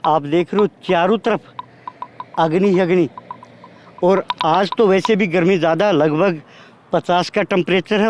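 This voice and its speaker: A man's voice: high voice, highs cut off, a little hiss or hum. A man hosting an on-location vlog and eagerly talking to his viewers. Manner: eager, addresses viewers directly. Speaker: vlogger host. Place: outdoors at a fire-ritual site.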